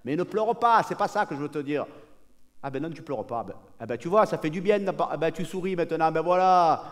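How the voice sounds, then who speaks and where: A comedian acting out a brash, boastful cheating husband, talking cockily and excitably to a partner who is never heard. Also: male voice, on the high side, fairly quick, natural voice. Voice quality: cocky, excitable, talks over an unheard partner. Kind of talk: live stand-up character monologue.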